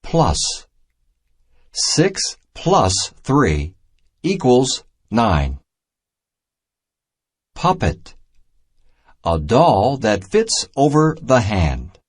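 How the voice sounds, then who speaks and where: This is scripted read-aloud narration from a children's math storybook: a man walks through a simple lesson at a slow, careful pace, separating each short phrase. His voice is mid-pitched with a hint of huskiness, and its lively pitch movement keeps the instruction engaging.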